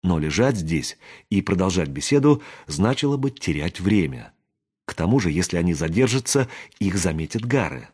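A man reading a fantasy novel aloud as an audiobook narrator, expressive and doing voices for the characters. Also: sits low, normal speed, slightly rough. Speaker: audiobook reader.

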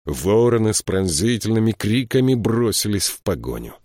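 A man narrating a fantasy audiobook in a steady, measured storytelling voice. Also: fairly low pitch, dry recording, studio quality. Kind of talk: scripted narration.

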